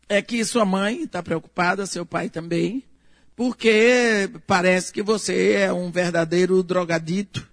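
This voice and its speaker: A woman's voice: on the low side, creaky, no echo, studio quality. A Brazilian woman telling a personal story in an emphatic way, acting out the dialogue. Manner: emphatic, acts out quoted dialogue. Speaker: storyteller giving a testimony.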